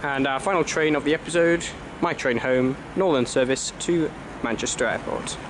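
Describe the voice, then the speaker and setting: A man's voice: medium pitch, normal speed. A man giving matter-of-fact trainspotting vlog commentary at a railway station. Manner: matter-of-fact, reading out unit numbers. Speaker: trainspotting video host. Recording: loud station and train noise.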